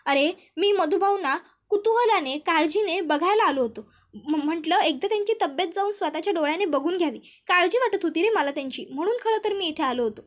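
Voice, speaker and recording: A woman's voice: extremely high pitch, animated, fairly quick. A woman voicing a scheming middle-aged man who lies in a wheedling, falsely innocent way. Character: scheming middle-aged man, a smooth-talking lying villain.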